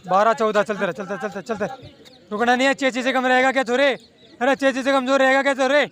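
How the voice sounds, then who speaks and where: A man's voice: very high-pitched, fairly even intonation, quick pace. A man coaching runners outdoors, calling out lap times and repeatedly urging them to keep going. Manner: repetitive, encouraging shouts. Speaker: running coach. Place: outdoor running ground.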